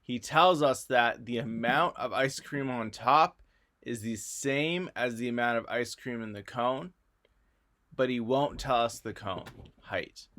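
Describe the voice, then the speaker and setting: Guy teacher walking thru a math problem, slow and easygoing, mid-pitched. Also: pushed and bright. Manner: friendly, explanatory, unhurried. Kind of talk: recorded video lesson.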